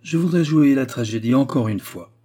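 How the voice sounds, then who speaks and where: A proud, fervent old tragic actor near death, pleading with grandiose emphasis, as a male reader puts him on. The voice is dark and husky. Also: medium pitch, moderate pace, natural voice.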